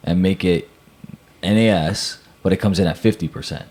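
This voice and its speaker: A man, speaking in a very deep, low register. He talks casually and bluntly, leaning hard on his opinions and stretching words for emphasis. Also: normal speed, darkish tone, a little hiss or hum. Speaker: podcast co-host. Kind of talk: casual chat.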